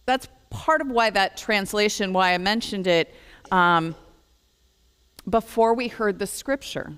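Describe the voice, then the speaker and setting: A woman pastor preaching a sermon to her congregation in a relaxed, conversational way. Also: medium pitch, a little slow, smooth. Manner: conversational preaching, relaxed and informal, with small laughs. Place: church sanctuary. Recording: long reverb from a church hall.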